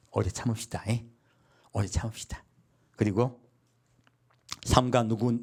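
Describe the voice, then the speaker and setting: A man preaching a sermon as pastor, asking his congregation questions and answering them himself. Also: lowish voice. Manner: lively preaching with call-and-response questions and acted quotes.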